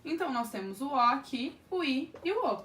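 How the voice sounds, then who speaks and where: A woman's voice: high-pitched, big pitch swings, brisk, a bit bright, far from the mic, a little hiss or hum. A Brazilian woman teacher giving an online grammar lesson, explaining carefully and stretching words out to sound their syllables. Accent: Brazilian Portuguese. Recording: echoey room, voice off-mic.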